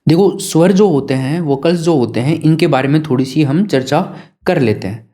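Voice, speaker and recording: Mellow-voiced Hindi teacher. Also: male voice, a little high, moderate pace. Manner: asks students questions and answers them himself. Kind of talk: classroom lesson.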